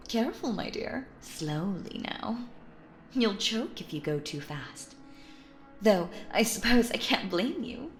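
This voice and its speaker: A woman voices a sinister, possessive stage magician for an intimate audio roleplay, cooing endearments with theatrical flair before slipping into breathy, threatening whispers. She speaks in a mid-range voice, and the recording sounds roomy with a faint hiss or hum.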